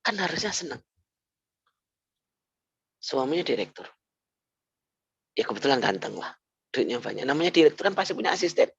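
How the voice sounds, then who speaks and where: A man's voice: on the high side, big pitch swings, moderate pace, long pauses, slightly rough, dry recording, highs cut off. A man giving a religious motivational talk, telling stories and acting out pleading voices. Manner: storytelling, acts out quoted pleas in hushed tearful voice. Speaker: motivational speaker.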